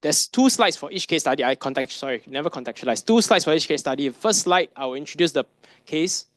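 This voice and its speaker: Here the masterclass presenter, a male finance advisor, talks quickly in a fairly high, lively voice with no echo. The conference lecture feels conversational, peppered with "right?" and rhetorical questions.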